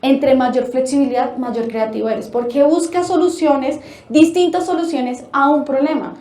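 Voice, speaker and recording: Woman from Colombia, high voice, lecture at a forum, animated, rhetorical questions, echoey hall. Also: moderate pace. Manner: animated, acts out quotes, asks rhetorical questions. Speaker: speaker at a family forum. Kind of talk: lecture to an audience.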